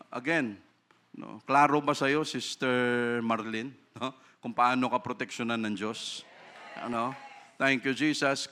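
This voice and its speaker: Male pastor from the Philippines, bright and crisp voice, animated sermon testimony rising into fervent prayer. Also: mid-range voice. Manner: storytelling with frequent tag questions.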